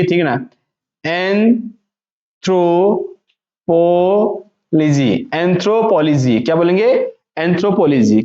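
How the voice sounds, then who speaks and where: High-voiced man teaching vocabulary. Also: a little mellow. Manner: repetitive, drawn-out words, frequent "theek hai na". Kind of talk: classroom lesson, spelling out pronunciations. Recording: echoey room, dull lo-fi sound.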